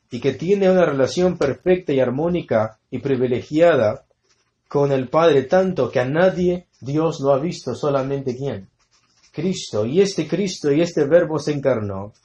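A man's voice: medium pitch, darkish tone. A man teaching a Bible study sermon to a congregation, emphatic and repeating key words, quizzing listeners with fill-in-the-blank questions. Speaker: preacher. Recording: echoey room sound.

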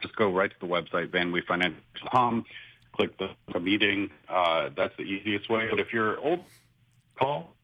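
A man co-hosting a radio show by phone, talking in a relaxed, halting way while the line keeps cutting out. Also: low voice. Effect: choppy phone line, words cutting out. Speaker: radio co-host. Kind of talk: casual radio talk. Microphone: phoning in.

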